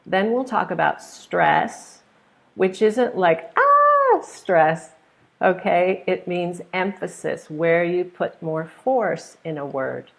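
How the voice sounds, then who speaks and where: A middle-aged woman from California with a standard American accent, teaching a pronunciation webinar in clear, simple, encouraging explanations. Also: deep voice. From California, United States. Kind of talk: webinar lesson, explaining to students. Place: small plain room indoors. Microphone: earphone headset on a webcam video call.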